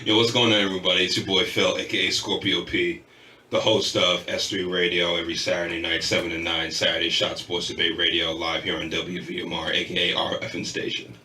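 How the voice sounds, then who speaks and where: A man guesting on a radio show, talking in a deep radio-announcer voice. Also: little pitch movement, brisk, pushed and bright. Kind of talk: casual sports radio banter. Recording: roomy echo, mic at a distance.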